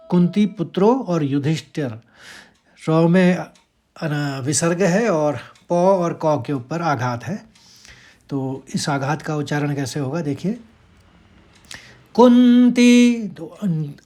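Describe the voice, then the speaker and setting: A man teaches the pronunciation of a Sanskrit verse, chanting each line slowly and drawn out before explaining the sounds in quicker speech. His voice is a little high with a darkish tone.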